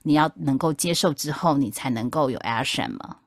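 A woman's voice: deep voice, normal speed, no room sound, clean studio sound. A woman from Taipei with a Taiwanese accent, explaining things in casual podcast chat and checking that the listener follows. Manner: explanatory, checks understanding with tag questions. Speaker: podcast guest explaining technology.

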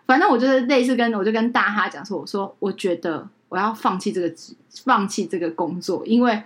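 A young woman rattles off a story at a quick clip in a middle-range voice. She talks in casual podcast style and slips into the voices of the people she quotes. The tempo stays brisk throughout. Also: medium pitch. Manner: animated, acts out quoted people. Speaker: podcast co-host and wedding emcee.

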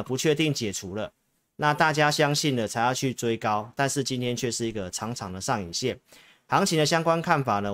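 A man's voice: medium pitch, a bit bright, no room sound. Taiwanese guy doing stock market show commentary, emphatic, keeps repeating points to viewers, dry close sound. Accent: Taiwanese Mandarin. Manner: emphatic, repetitive, addresses viewers directly. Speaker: investment advisory show host, analyst.

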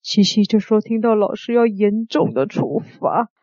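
A woman telling a children's story in turns, playful and expressive. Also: mid-range voice, moderate pace, dry recording. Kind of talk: improvised children's story game. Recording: dull lo-fi recording.

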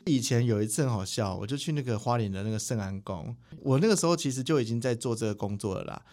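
Fast-talking man, animated storyteller. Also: mid-range voice. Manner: animated, quick, mimics people mid-story. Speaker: guest, spiritual teacher. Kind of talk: casual interview storytelling. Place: podcast recording studio.

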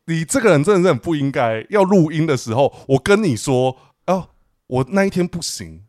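A man with a Taiwanese Mandarin accent, chatting casually as a podcast co-host. His pitch jumps around as he teases and complains, climbing high when he jokes. The sound is dry and close, with no room around it. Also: animated, a little fast, darkish tone, dry recording. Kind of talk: casual chat.

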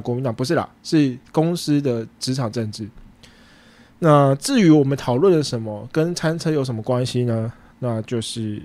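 A man with a Taiwanese Mandarin accent, hosting a podcast and casually retelling a story, acting out bits of dialogue with sudden jumps in pitch. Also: dark tone, no echo. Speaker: podcast host and food truck owner.

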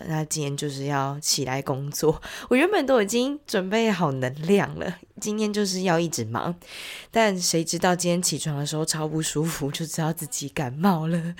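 A woman's voice: low voice, darkish tone. A woman with a Taiwanese accent and a nasal, congested voice from a heavy cold, chatting casually as the host of a solo audio diary. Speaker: podcast host, entrepreneur.

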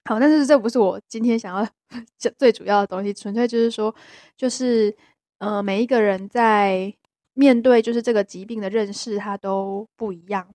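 A woman with a Taiwanese Mandarin accent, co-hosting a podcast in casual chat, talking hesitantly with many restarts and a soft voice that trails off. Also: medium pitch, normal speed, no echo. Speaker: podcast co-host.

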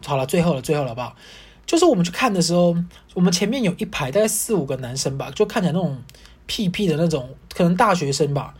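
A young woman hosting a casual solo podcast, ranting in an animated, self-mocking way. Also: lowish voice, fast talker, husky. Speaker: podcast host.

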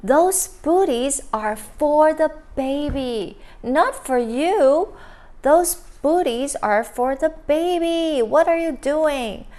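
Brief: a little girl chiding her pet in a storybook reading, put on by a woman, higher and lively, slow and emphatic. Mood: scolding.

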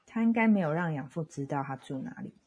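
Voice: mid-range voice, animated, fast, gravelly, a little mellow, slight background noise. A podcast co-host in a casual, reflective discussion over a phone call, often retelling things with quoted dialogue. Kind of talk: casual conversational discussion of a comic.

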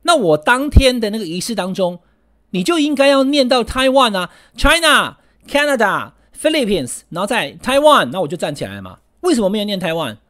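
A man's voice: high voice, big pitch swings, a little fast, fairly bright tone. A middle-aged man with a Taiwanese Mandarin accent giving political commentary, emphatic and full of rhetorical questions.

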